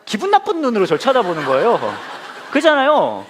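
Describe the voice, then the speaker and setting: A man's voice: very high voice, brisk, slight background noise. A middle-aged man preaching a humorous sermon in a church, self-mocking and acting out bits of dialogue. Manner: animated, self-mocking, acts out quoted dialogue. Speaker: pastor.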